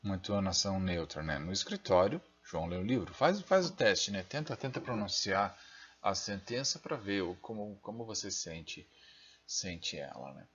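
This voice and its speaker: A deep, sing-song voice with a breathy edge moves at a moderate pace through a muffled recording. It belongs to a Brazilian man with a Brazilian Portuguese accent giving a linguistics lecture, who reasons aloud, uses frequent tag questions and mocks himself lightly while operating the mouse.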